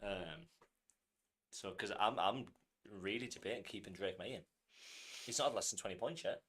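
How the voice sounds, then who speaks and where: A man's voice: fairly low pitch, moderate pace, fairly bright tone. A man co-hosting a football podcast in casual chat, chatty and laughing, a bit ill. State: ill, coughing. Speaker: podcast co-host.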